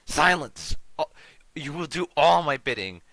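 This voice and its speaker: A man's voice: medium pitch, moderate pace, pushed and bright, no echo, low-quality recording. A man voicing a gaunt, guilt-ridden old nobleman driven mad, ranting and menacing in a raised voice. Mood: raving.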